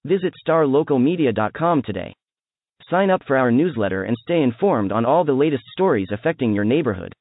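A man's voice: mid-range voice, animated, brisk. A man reading a scripted promotional narration as an advertisement announcer. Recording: muffled, very narrow phone-like band.

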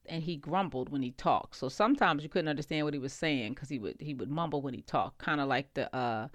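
A woman's voice: sits low, a little fast, no room sound, clean studio sound. A middle-aged woman telling personal stories about her father in a casual, reflective way, often repeating phrases. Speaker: storyteller sharing family memories.

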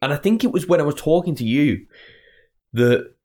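A man's voice: on the high side, lively intonation, normal speed, a little mellow. A man co-hosting a podcast in casual, bantering conversation. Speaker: podcast co-host.

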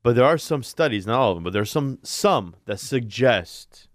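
A man's voice: medium pitch, expressive, normal speed, no room sound, clean studio sound. A man who is an orthopedic surgeon, explaining injuries in a casual radio chat, repeating words and laughing easily.

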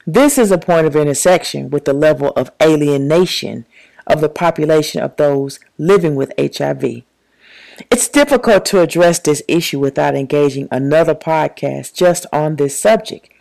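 Woman, ministry co-host, gravelly tone, measured preacherly reading. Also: sits low, darkish tone, poor audio. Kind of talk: prepared commentary, read aloud.

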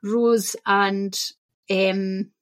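A woman's voice: mid-range voice, little pitch movement, drawn-out words. A Scottish woman, a shamanism teacher, talking casually as a podcast guest, chatty and laughing easily. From Scotland. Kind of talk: casual interview chat.

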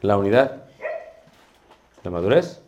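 A man with a Mexican accent coaching church speakers informally, brisk and teasing, giving short commands. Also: fairly low pitch, sing-song, a little mellow, dull audio. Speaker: public speaking teacher for church preachers.

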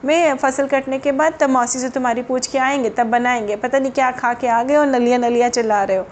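An impatient village mother in a storybook, scolding her stubborn son in an exasperated way, as a woman storyteller puts her on. Her voice sits somewhat high. Faint ambience hums behind. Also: fairly even intonation, fairly quick, slight background noise, lightly acted.

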